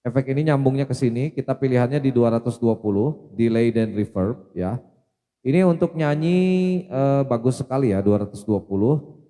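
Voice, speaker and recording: A man's voice: mid-range voice, moderate pace, warm tone. A man presenting an audio equipment tutorial, explaining mixer settings step by step and repeating test syllables into the microphone. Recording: long reverb from an effects unit.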